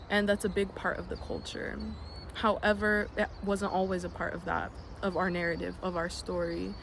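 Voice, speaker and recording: This is a young adult vlogger from the US sharing a reflective personal vlog in an earnest way, with frequent ums and some casual swearing. The voice is medium-pitched and a bit bright. Birdsong and passing traffic make the recording noisy.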